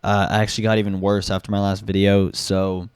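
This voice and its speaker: A young man, congested from a recent illness, offers laid-back gaming commentary mixed with article reading, rambling with fillers and restarts. His voice sits fairly low and comes out completely flat, fairly quick and smooth. The recording is clean studio quality with no echo.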